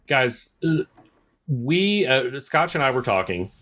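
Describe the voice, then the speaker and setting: A podcast co-host with a medium-pitched, fairly bright voice speaks casually but slowly, in a very animated way. He is opinionated, pressing hard on his points and often repeating them for emphasis.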